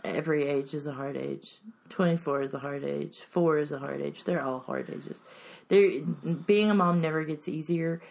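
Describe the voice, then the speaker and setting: A woman's voice: sits low, moderate pace, creaky, a little mellow. A woman, a mom co-hosting a podcast, earnestly giving parenting advice in casual chat. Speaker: podcast co-host.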